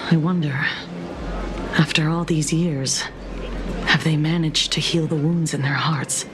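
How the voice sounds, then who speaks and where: Low, composed Detective Kuchiba. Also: female voice, steady tone, noisy background. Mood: pensive. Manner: measured, teasing, skeptical. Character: cool, teasing female police detective, shrewd and composed. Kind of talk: video game voice acting.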